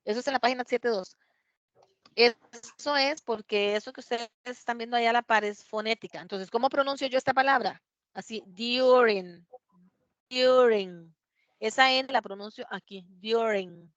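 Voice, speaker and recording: A woman gives a classroom lesson on English pronunciation, checking in with her students again and again. Her voice sits a little high and dry, with a dull, muffled sound. She stretches out example words slowly so the class can copy them. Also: a bit bright, no room sound. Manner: patient, explains step by step, asks "¿verdad?" often. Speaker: English teacher.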